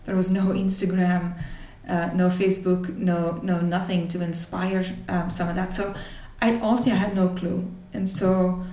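A woman in her forties from Belgium, telling her life story to an interviewer in a thoughtful way, with many pauses and restarts. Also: lowish voice, level tone, mellow, reverberant, distant mic. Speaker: interview guest. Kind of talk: reflective personal storytelling.

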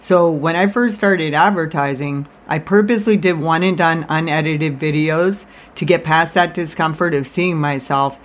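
A woman's voice: sits low, normal speed, hardly any pauses. Candid woman talking out of the side of her mouth. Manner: informal, confessional, self-deprecating. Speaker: life coach and podcast host. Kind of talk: candid personal monologue.

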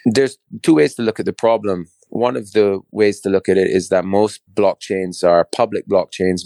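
Deep gravelly man, podcast guest. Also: darkish tone, no room sound. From Barbados. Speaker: guest, crypto co-founder. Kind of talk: podcast interview.

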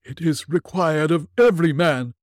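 Storybook ghost of an old businessman, high, slow and wailing, heavy with regret; a man doing the voice. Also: dry recording, clean studio sound, lightly acted. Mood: mournful wailing. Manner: slow, mournful, booming declamation. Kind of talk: storybook reading.

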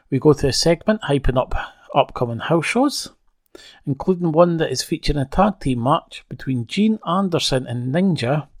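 A man at a middle pitch talking through an old wrestling episode in a relaxed, conversational way. The sound is close and dry with no room around it, and he drops wry little asides as he goes. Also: dry recording. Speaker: wrestling show reviewer. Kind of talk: casual recap narration.

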